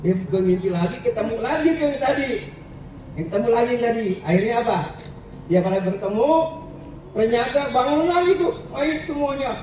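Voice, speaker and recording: Brief: high-pitched male preacher questioning kids, recorded from far off in an echoey space with faint background. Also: a little fast, a little hiss or hum. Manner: lively, asks the children questions, repeats words. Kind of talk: sermon storytelling to schoolchildren. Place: school event.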